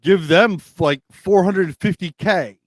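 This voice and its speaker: A man with a high voice co-hosts a talk radio show, speaking a little slowly with no echo. He chats casually and offers blunt, profane opinions.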